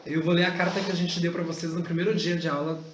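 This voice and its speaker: A man teaching a class, speaking haltingly and searching for his words. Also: on the high side, level tone. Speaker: course teacher. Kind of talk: classroom talk. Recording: echoey room, faint noise.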